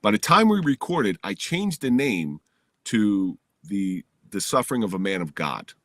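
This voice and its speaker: A middle-aged man from New Jersey, a podcast guest telling a personal story in a candid, lively way, recorded in his home basement. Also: on the low side, unhurried, no echo.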